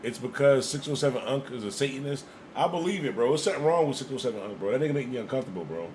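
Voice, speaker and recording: A man hosting a casual livestream, reacting in loose, slangy, repetitive talk. His voice sits at an ordinary middle pitch. A faint hiss of noise runs behind him. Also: expressive, racing, darkish tone, low-quality recording. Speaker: livestream host.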